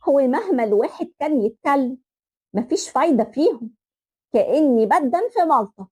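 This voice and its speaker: An Egyptian woman narrates a family story in the first person, confiding straight to her listeners. Her voice sits high, and she has an Egyptian accent. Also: lively intonation, fairly quick, darkish tone. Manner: confiding, addresses listeners directly.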